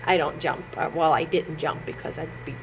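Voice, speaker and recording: This woman's voice sits low with vocal fry, and she moves briskly as she hosts a children's storytime at the library. Speaking playfully and directly to the little ones, she reads aloud and leads songs in an animated way, over a noisy recording.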